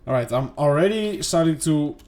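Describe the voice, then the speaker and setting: In an animated, darkish voice at a moderate pace, a man who creates gaming videos casually talks over his gameplay without editing. He rambles, doubts himself out loud, and sprinkles in fillers and "boom."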